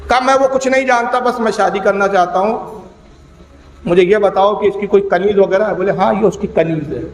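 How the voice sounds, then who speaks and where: Dramatic high-voiced male preacher, echoey hall. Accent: Pakistani. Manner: dramatic, voices the people in the story. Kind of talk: emotional storytelling sermon. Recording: echoey hall with faint hum.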